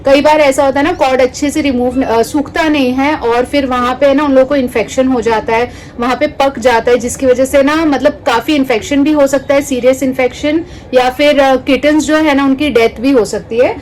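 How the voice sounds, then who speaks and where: A woman's voice: high-pitched, fairly even intonation, normal speed, hardly any pauses, a little mellow, a little hiss or hum. A woman in her thirties vlogging casually, chatting to her viewers and mixing English words into her Hindi. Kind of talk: casual vlog chat to viewers.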